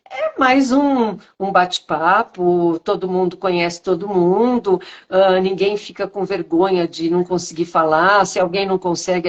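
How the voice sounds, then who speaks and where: A woman guest, a speech therapist, chatting on a video call and telling stories with animated, shifting intonation. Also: medium pitch. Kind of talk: casual video-call conversation.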